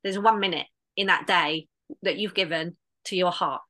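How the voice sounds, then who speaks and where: A woman's voice: fairly low pitch, moderate pace, sharp tone. A woman in casual conversation, talking in an earnest, reflective way with many restarts. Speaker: podcast guest.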